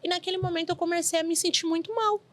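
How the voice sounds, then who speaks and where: A woman's voice: very high voice, rapid-fire. A woman in her forties, a medium from Brazil, telling her life story in a casual interview and acting out the voices she quotes. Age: 40s. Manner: animated storyteller who acts out quoted voices.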